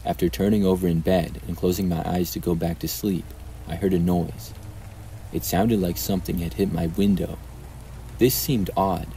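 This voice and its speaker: A man narrating true horror stories in a calm, even storytelling manner. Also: sits low, moderate pace, a little hiss or hum, poor audio.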